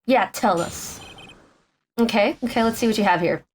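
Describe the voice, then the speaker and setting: A woman's voice: mid-range voice, normal speed. A young woman casually commenting as she plays a story game, chatty and full of fillers. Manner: chatty, filler-heavy, reads characters aloud. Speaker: let's play streamer.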